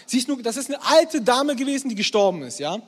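A man in his twenties preaching to a live crowd, energetic and constantly checking in with the crowd. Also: very high-pitched, fast. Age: 20s. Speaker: youth preacher. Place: hall with an audience, also streamed. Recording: long hall reverb.

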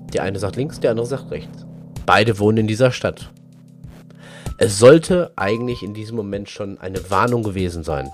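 A young man tells a lively anecdote about a fishing trip, acting out the dialogue, with music behind him. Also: mid-range voice. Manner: lively, animated anecdote telling with quoted dialogue. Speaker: fishing content creator. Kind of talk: casual storytelling.

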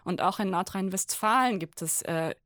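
A woman's voice: medium pitch, moderate pace, fairly bright tone, no echo, studio quality. A woman with a German accent, a political reporter explaining her research in a thoughtful podcast conversation, often restarting her phrases.

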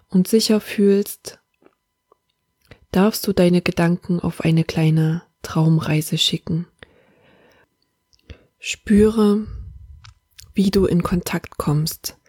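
A woman leading a guided meditation in a soft, half-whispered, calm and soothing manner. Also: lowish voice, husky, dry recording, studio quality.

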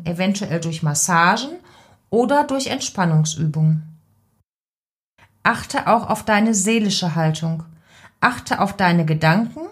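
Female voice coach, unhurried instructional delivery, direct and measured. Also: on the low side. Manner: calm, deliberate, gives direct advice. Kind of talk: instructional podcast tips.

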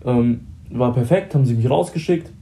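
A young man chats casually and tells a story, slipping into slang and playing out the dialogue himself. His voice is dark and mellow, with no strain. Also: medium pitch, moderate pace. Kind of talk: casual chat.

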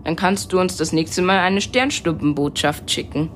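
A woman's voice: on the low side, moderate pace, slight background noise. A woman hosting scripted radio for children.

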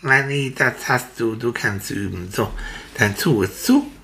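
A woman voicing a cheerful, helpful male sparrow in a children's story, chirpy and eager, talking in quick bursts. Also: extremely low pitch, fairly bright tone, a little hiss or hum, exaggerated voice. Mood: coaching.

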